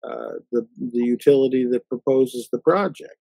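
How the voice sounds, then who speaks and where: Man, interview host, mellow dark tone, dry close sound, halting delivery. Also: medium pitch, fairly even intonation, creaky, husky, no room sound, low-quality recording. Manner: halting, many fillers and restarts. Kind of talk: conversational interview.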